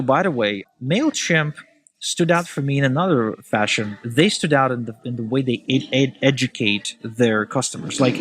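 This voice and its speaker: A man from Ukraine, a guest in a casual podcast conversation, talking in animated, opinionated bursts. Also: medium pitch. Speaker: podcast guest, email marketer.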